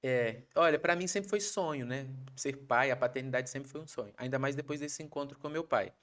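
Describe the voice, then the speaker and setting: A Brazilian man, a podcast guest, telling a personal story in a casual, animated way, acting out his wife's lines. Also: mid-range voice, a little fast. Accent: Brazilian Portuguese. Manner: animated, acts out quoted voices of his wife.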